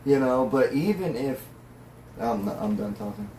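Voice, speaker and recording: A man's voice: medium pitch, very animated, unhurried, dark tone. A man in a casual discussion, talking emphatically and repeating himself to press his point. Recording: echoey room, distant mic, faint noise.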